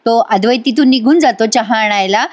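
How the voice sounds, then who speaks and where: Chatty high-voiced woman recapping an episode. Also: fairly quick, a little mellow. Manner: chatty, addresses viewers directly. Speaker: TV serial reviewer.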